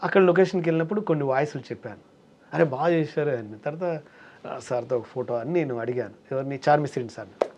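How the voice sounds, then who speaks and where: Fast-talking man telling showbiz stories. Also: medium pitch, a little mellow, slight background noise. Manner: tells stories acting out quoted voices. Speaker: interview guest, comedian and mimicry artist. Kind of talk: casual interview talk.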